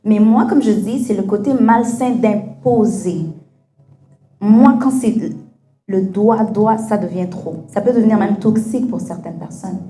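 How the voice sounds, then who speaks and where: A woman hosts a casual faith-based conversation, frank and opinionated, slipping English phrases into her speech. Her mid-range voice has a dark tone and a measured pace, recorded in an echoey room with faint music.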